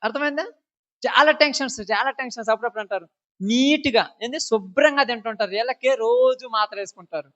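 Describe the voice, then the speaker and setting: A woman's voice: fairly high pitch, fairly quick, fairly bright tone, muffled recording. A woman preaching an informal sermon who scolds her listeners and keeps asking them rhetorical questions.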